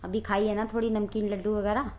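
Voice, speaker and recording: A young woman chatting casually to her viewers in a home vlog, talkative and quick to laugh. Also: medium pitch, level tone, a little mellow. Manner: chatty, laughs often, addresses viewers as guys. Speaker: vlogger. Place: home, indoors.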